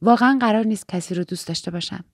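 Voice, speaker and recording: A woman reading aloud and voicing a reserved young woman in training who speaks quietly and with restraint. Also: mid-range voice, lightly acted. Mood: restrained.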